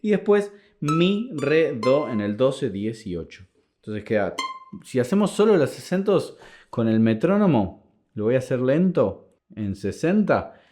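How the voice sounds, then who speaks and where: A man's voice: medium pitch, big pitch swings, measured pace, mellow, soft background music. A man teaching a step-by-step charango lesson, counting beats aloud and singing the rhythm as he explains. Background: plucked charango.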